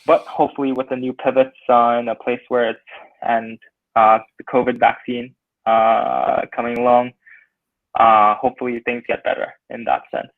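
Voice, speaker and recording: A young man from Hong Kong speaks as a startup founder on a panel, thinking aloud with many fillers and restarts. His delivery stays flat and even. The sound is dry and thin, like a phone line. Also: mid-range voice, normal speed, no room sound. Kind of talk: conversational panel answer.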